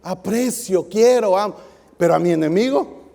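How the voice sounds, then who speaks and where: A male guest pastor preaching a sermon, lively and asking the audience questions. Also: high voice, moderate pace, gravelly. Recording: long hall reverb.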